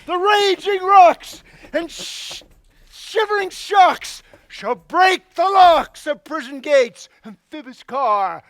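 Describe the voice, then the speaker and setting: A man playing a boastful, high-voiced weaver. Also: lively intonation, slow pace, dry recording, exaggerated voice. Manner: boastful, theatrical, bursts into shouting. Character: boastful male weaver, eager amateur actor. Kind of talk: casual play read-through.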